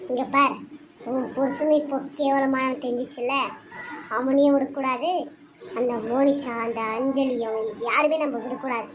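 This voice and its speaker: A woman's voice: high-pitched, fairly even intonation, normal speed, noisy background, lightly acted. A woman voicing a harsh, scheming middle-aged mother in a cartoon serial, stern and commanding. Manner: stern, commanding, coldly plotting. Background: music.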